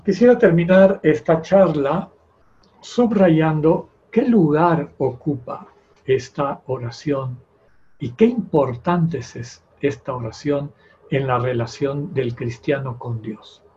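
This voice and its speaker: A man giving a slow, reflective spiritual talk on prayer, measured, his phrases sinking to a near whisper at the ends. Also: a little high, mellow. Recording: dull lo-fi sound with faint noise.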